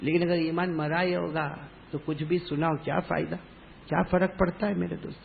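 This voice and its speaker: Male preacher with a high voice, leading a call-and-response sermon, heard through a tinny line. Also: level tone, vocal fry, slight background noise. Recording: echoey hall over a tinny phone-like line.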